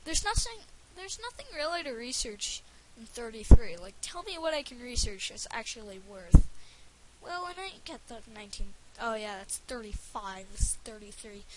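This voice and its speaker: A woman talks through a strategy game for a let's play, her voice sitting a little high. She rambles, restarts sentences and fills gaps with "um" and "like." A faint hiss runs under her home microphone recording. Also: very animated, moderate pace, low-quality recording. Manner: rambling, stumbles and restarts, filler "um" and "like". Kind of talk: casual gameplay commentary.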